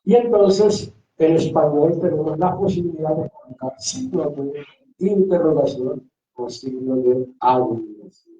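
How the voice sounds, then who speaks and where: A pastor lectures a class in an unhurried, very dark and mellow voice, firing the same questions back at his students again and again. He sounds far from the microphone in an echoey room, and the recording is dull and lo-fi. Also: on the high side. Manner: repeats rhetorical questions to the class. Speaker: pastor teaching a Bible workshop.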